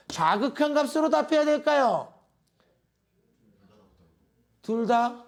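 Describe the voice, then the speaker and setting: A man teaching a math lesson to a class, asking constant check questions and drawing out key terms. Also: extremely high pitch.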